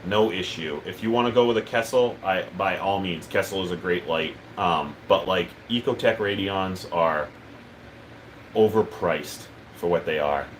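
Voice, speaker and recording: An unhurried man with a low voice hosts a live stream, a faint hiss or hum in the recording. He reads the chat in a laid-back, wandering way, often filling gaps with ums and uhs.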